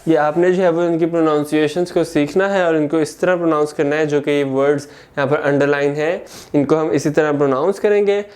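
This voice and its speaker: A man's voice: on the high side, steady tone, a little fast, a little mellow. A man with a Pakistani Urdu accent teaching a school grammar lesson, dictating sentences word by word.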